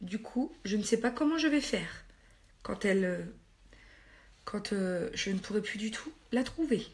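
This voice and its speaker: A woman's voice: medium pitch, animated, unhurried. Chatty woman doing a makeup vlog. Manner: chatty, hesitant with many fillers, self-mocking asides to viewers. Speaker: beauty vlogger. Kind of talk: casual get-ready-with-me makeup chat.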